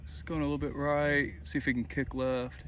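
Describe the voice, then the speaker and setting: A man's voice: medium pitch, flat delivery, fairly quick. A young man caddying on a golf course, giving upbeat casual commentary to viewers. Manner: chatty, upbeat, addresses viewers. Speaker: caddie. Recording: outdoor wind and background noise.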